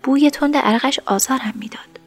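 A woman narrating a story in the first person, in a soft, sometimes whispered voice. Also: high-pitched, soft background music.

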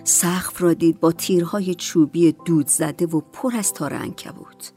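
Low-voiced woman narrating an audiobook. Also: faint music behind. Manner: calm, measured storytelling.

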